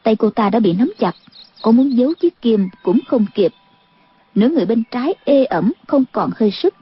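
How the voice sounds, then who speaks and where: A woman narrating a martial-arts audiobook with a steady storytelling delivery, in a dull lo-fi recording. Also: a little high, normal speed, breathy edge, no room sound. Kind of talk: scripted narration.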